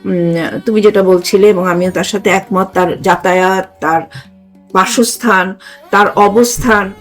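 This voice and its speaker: An older woman with a Bangladeshi accent, a retired judge who hosts a talk show, leads a conversational discussion, speaking emphatically and often repeating herself to seek agreement. Her medium-pitched voice is fairly even and a little slow, with faint music behind it.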